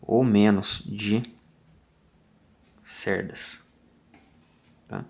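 A man with a Brazilian Portuguese accent explains fly tying step by step in a calm, methodical way, counting off each turn aloud. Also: fairly low pitch, very slow, gravelly. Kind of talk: step-by-step tutorial narration.

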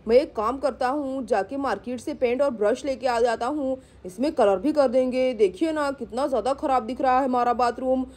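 A woman's voice: high-pitched, darkish tone. A woman voicing a helpful, agreeable young husband in a doll story. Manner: plain, eager to help.

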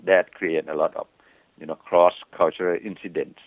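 Deep-voiced Thai-accented man on phone. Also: little pitch movement, no echo. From Thailand. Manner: halting, explains step by step with examples. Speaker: coach, interview guest. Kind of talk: explanatory interview talk. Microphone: telephone. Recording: tinny narrow phone line.

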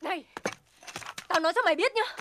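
A fierce, shouting woman defending her land. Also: very high-pitched, expressive, brisk, very noisy. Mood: defiant. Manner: shouting defiant threats.

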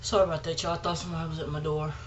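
A woman's voice: low-pitched, flat delivery, racing, echoey room, noisy background. A woman vlogging casually to the camera through a dried face mask, chatty and nervous, saying y'all and giggling. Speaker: beauty vlogger. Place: indoors at home.

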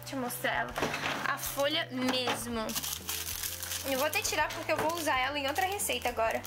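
Fairly quick and high-voiced, this woman in her twenties chats through a home cooking vlog in her kitchen. Her delivery is casual and hesitant, with frequent restarts and fillers, picked up by a camera mic at arm's length. Background music runs beneath her, along with clinking dishes.

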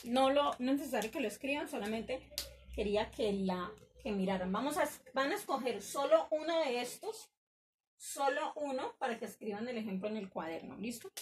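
A woman leads a children's language lesson, warmly praising the kids and slowly stretching out words to highlight the stressed syllable. Her voice sits on the high side and is expressive, with a little hiss or hum in the recording.

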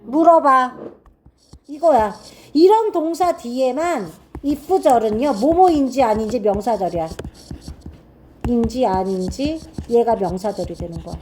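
A high-voiced woman with a lively, swooping delivery runs a grammar class. She keeps checking in with her students and reads each example sentence slowly and carefully. She is recorded in a classroom. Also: slight background noise. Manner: quizzing students with quick repeated checks. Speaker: English teacher at a cram school.

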